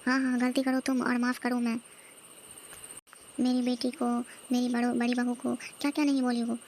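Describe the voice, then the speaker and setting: A woman voices a cartoon's sharp-tongued mother-in-law. She speaks firmly and scolds in a fairly high, flat voice, with light noise behind it. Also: normal speed, close to an everyday voice. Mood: scolding. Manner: firm and scolding. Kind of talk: cartoon comedy voice acting.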